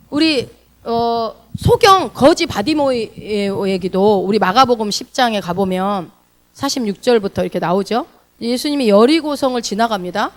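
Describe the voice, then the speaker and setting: A woman pastor preaching a sermon, who asks the congregation questions and acts out the voices in the story. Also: on the high side.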